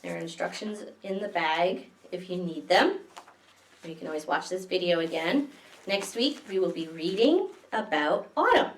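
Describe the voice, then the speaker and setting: Speaking from well back in a reverberant room, a woman with a lowish, animated voice talks at a moderate pace. In the manner of a children's librarian, she reads a picture book to small children and demonstrates an easy craft, explaining simply. A faint hiss or hum is audible.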